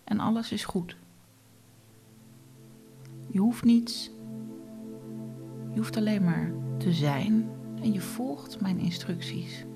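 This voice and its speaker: A woman guiding a relaxation meditation, speaking softly and often in a whisper. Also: mid-range voice, creaky, over music. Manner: slow, soft, often whispered instructions. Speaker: meditation guide.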